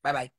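A man hosting a livestream on his phone, talking bluntly and teasing callers with plenty of profanity. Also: fairly bright tone. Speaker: livestream host. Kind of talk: casual livestream chat.

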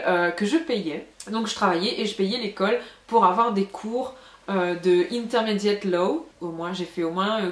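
Chatty young French woman, echoey room. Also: medium pitch. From France. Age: young adult. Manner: chatty, frank, many fillers. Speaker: vlogger. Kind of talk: casual storytelling to camera.

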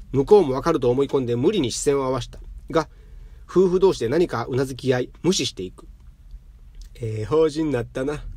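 A man reading literary fiction aloud in a calm, measured way. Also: medium pitch, dry recording. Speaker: narrator.

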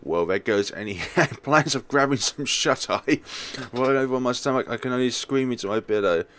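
A man's voice: mid-range voice, normal speed, a bit bright, pitched above the performer's own voice, natural voice. A man voicing a fussy, vain, sardonic rich man from a visual novel in a theatrical, pompous grumble. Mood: haughty, grumbling.

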